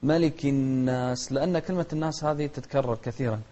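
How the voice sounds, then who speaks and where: A man teaching Quran recitation rules. He gives brisk explanations and breaks them with slow, chanted examples. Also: mid-range voice, steady tone, warm tone. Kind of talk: tajweed lesson with demonstrated recitation.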